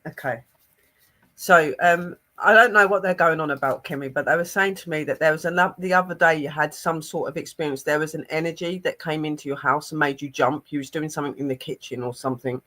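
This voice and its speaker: Bright-voiced man giving a spirit message. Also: on the high side, a little fast. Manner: earnest, rambling with fillers. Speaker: spiritual medium co-host.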